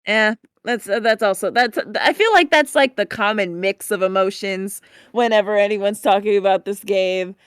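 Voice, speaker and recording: A woman's voice: medium pitch, normal speed, clean tone, no echo, studio quality. A woman casually recapping a game demo on a podcast, chatty, with many fillers and restarts. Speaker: podcast co-host.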